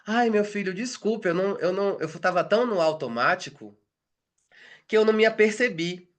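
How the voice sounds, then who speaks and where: A gentle older mother, flustered and apologetic, as a man quotes her in a lifted voice. The tone is soft and pleading. It sits a touch higher than his own speech. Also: lively intonation, normal speed.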